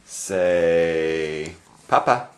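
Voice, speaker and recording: Deep-voiced man patiently coaxing a toddler. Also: drawn-out words, slight background noise. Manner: patient, repeating short prompts. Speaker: parent teaching a toddler words. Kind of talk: home recording, coaxing a small child.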